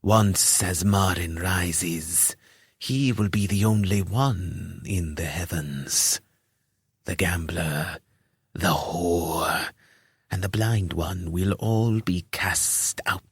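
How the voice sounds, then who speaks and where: A man voicing a short, robed, fanatical priest who speaks with a lisp in a hushed, whispery way. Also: low-pitched, takes it slowly, husky, dry recording, studio quality, heavily acted. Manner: hushed, whispery, distant delivery.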